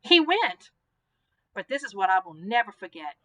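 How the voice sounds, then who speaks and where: A woman voicing an elderly Southern woman librarian, telling a story in a gentle, drawn-out way while reading a children's novel aloud. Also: medium pitch, sing-song, dull audio. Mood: storytelling.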